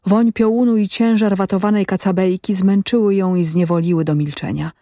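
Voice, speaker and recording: An audiobook narrator reads a scripted story aloud at a calm, measured pace. Her voice sits in the mid range, and the studio recording is clean with no echo.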